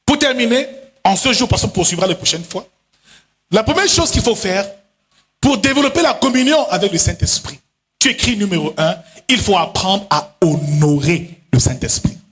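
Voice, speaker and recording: A male pastor preaching a sermon in a chanting, sing-song style, now and then breaking into shouted lines and quickly acting out other voices. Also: high-pitched, lively intonation. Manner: acts out voices in quick asides. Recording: long hall reverb.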